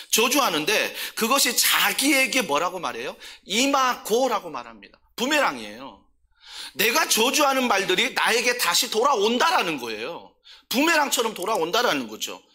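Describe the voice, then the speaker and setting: Lively, bright-voiced man preaching a sermon. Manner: asks the congregation questions and answers them himself; swings from emphatic outbursts to soft, low asides. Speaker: senior pastor.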